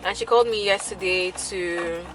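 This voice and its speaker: A woman with a slightly low voice talks informally to her viewers as a vlogger. She repeats words for emphasis, and music plays clearly behind her. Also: normal speed, fairly bright tone, low-quality recording. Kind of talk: casual chat to viewers.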